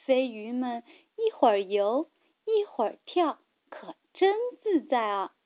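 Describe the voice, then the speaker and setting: A woman narrating a children's story in a gentle, sing-song way. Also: fairly high pitch, sing-song, unhurried. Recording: tinny phone-like sound.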